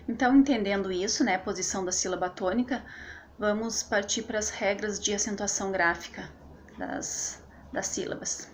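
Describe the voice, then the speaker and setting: A woman gives a recorded grammar lesson at a slow, unhurried pace, pausing to check in with her viewers. Her voice sits at a middle pitch, and faint background noise runs under the recording. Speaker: course instructor.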